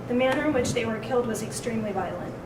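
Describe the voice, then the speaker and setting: A woman victim advocate reading a victim impact statement aloud in a steady, measured way, captured in a courtroom recording. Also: a little high. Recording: echoey courtroom, distant mic, noise.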